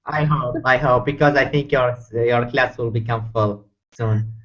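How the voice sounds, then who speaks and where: A man's voice: mid-range voice, steady tone, unhurried, a bit bright. A man, a student, joining an online class and talking hesitantly. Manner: hesitant, apologetic. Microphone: computer mic on video call. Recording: dull video call audio.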